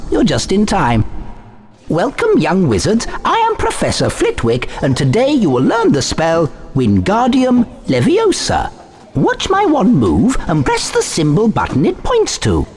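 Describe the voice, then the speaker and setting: A man voicing an excitable, fussy little wizard professor in a video game, theatrical and encouraging. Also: high-pitched, unhurried, full character voice. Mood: welcoming. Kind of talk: scripted video game instruction. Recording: music behind game dialogue.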